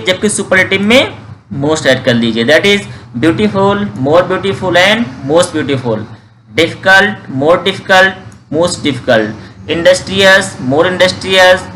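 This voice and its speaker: Male teacher, lesson delivery, high and bright tone, slow drilled examples. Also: slight background noise. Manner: drills word forms slowly, asks and answers own questions. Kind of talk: grammar lesson.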